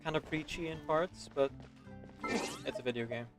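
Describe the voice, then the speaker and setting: A streamer offers casual gameplay commentary over game music, musing to himself in a hesitant, trailing way. His voice is medium-pitched at a moderate pace.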